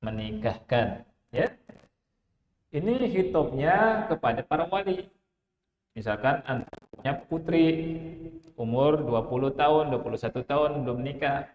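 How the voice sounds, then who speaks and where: A man from Indonesia teaches Arabic grammar at a slow, measured pace, keeping it conversational with frequent rhetorical questions. His voice carries a long reverb, as if recorded in a large echoey hall. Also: medium pitch, expressive. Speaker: Islamic teacher.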